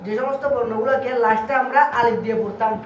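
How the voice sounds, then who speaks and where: A man's voice: very high voice, steady tone, fast. A male teacher leads a lesson, constantly checking whether his students follow. He sounds set back from the mic in a roomy classroom. The recording is dull, with a faint hiss underneath. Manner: keeps quizzing students, call-and-response drilling. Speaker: Urdu grammar teacher. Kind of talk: classroom lecture. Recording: roomy, distant, dull and slightly noisy.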